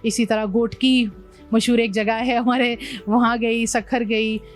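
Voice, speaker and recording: A Pakistani woman, a guest in an interview, describes her long motorbike journey in an animated, slightly slow way, her voice a touch high. She mixes English words into her sentences while soft music plays underneath.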